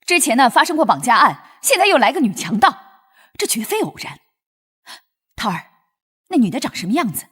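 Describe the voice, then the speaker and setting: A woman's voice: on the high side, big pitch swings, a little fast, long pauses, a bit bright, husky, exaggerated voice. An actress playing a worried wealthy mother, the lady of the house, who frets and scolds. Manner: fretful and scolding. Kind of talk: TV drama acting.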